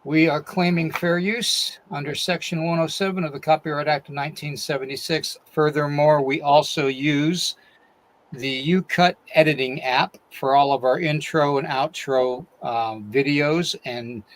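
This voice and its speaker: On a live-stream podcast, the male host says he's losing his voice as he reads a lengthy disclaimer before welcoming chat viewers individually by name. He speaks at a measured pace with a fairly high pitch and fairly even intonation, captured in a low-quality recording.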